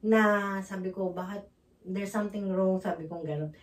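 A woman sharing a heartfelt church testimony in casual chat, emotional and halting, with many restarts and frequent laughter. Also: medium pitch, darkish tone. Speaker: church member giving testimony. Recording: echoey room from far off.

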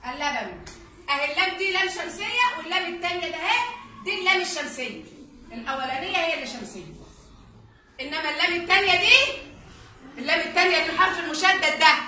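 A woman teacher with an Egyptian Arabic accent, her voice very high and bright, patiently drills her pupils with question after question. The sound comes from a distance, with the heavy echo of a bare classroom around it. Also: expressive, fast talker, a little hiss or hum. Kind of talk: classroom reading lesson. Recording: echoey classroom, distant mic.

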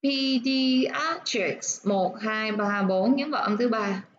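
A woman teaching nursing English, explaining step by step and repeating words slowly to show where the stress falls. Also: mid-range voice, highs cut off, slight background noise.

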